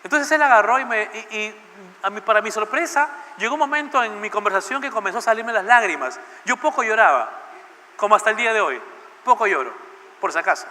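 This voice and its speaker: A male pastor tells a personal story during a sermon and poses questions to the congregation in a church with a long echo. His high voice is animated, bright and forceful, moving fairly quickly, and the hall's long reverb fills the recording.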